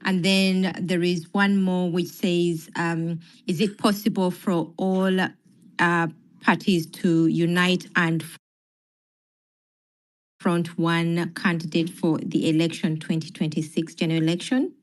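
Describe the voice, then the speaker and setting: A woman reading audience questions aloud from a chat, slow and deliberate with many ums. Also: fairly low pitch, flat delivery.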